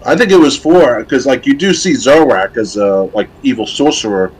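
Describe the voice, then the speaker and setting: A man hosting a gaming podcast at an average pitch. He chats in a relaxed, nostalgic way about old games. When he reads the news, he keeps a steady, even delivery. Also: moderate pace, breathy edge, low-quality recording. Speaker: podcast host. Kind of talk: casual gaming chat and reading gaming news.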